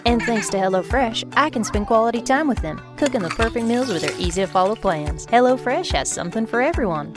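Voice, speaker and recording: A cheery Southern mother, played by a woman, talks upbeat and homespun in an ad, laughing through her lines. Her voice sits a touch high, with music beneath. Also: lively intonation, a little fast, few pauses, lightly acted. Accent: American Southern.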